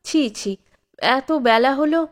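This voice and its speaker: A woman doing a gentle middle-aged father. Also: very high voice, takes it slowly. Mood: placating. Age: 50s. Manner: mild, placating. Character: gentle fifty-year-old father, soothing and pleading.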